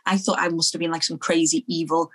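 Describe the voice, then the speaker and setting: A young woman from Liverpool, speaking as an interview guest, earnest and halting, often repeating phrases as she recalls her past. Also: low voice, level tone, fairly bright tone, husky, low-quality recording. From Liverpool, England. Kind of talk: personal testimony in an interview.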